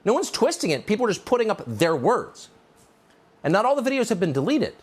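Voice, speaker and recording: A news show host delivering a sardonic opinion monologue. His pitch swings dramatically from low growls to high mocking peaks, sitting a little above the usual male register. He sounds scornful and emphatic. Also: very animated, a little fast, husky.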